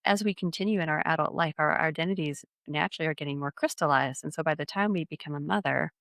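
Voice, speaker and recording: Guest coach, woman, earnest and affirming, vocal fry, dry sound. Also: low voice, fast, fairly bright tone, no echo. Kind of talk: conversational interview.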